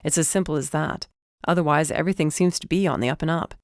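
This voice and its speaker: A woman voicing a wry, deadpan male police detective in an audiobook. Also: sits low, quick pace, no echo, clean studio sound.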